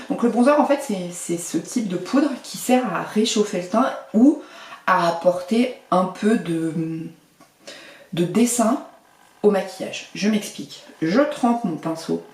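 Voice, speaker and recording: A woman's voice: on the low side, far from the mic. Chatty woman in an echoey room. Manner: chatty, with playful "hop hop hop" asides. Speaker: beauty vlogger. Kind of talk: casual makeup tutorial chat. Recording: echoey room, mic set back.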